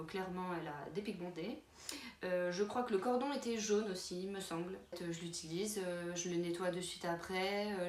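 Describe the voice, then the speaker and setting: A woman vlogger chatting casually through her travel toiletries, with many fillers and restarts. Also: lowish voice. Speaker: beauty vlogger. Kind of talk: casual product walkthrough. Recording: roomy with faint background noise.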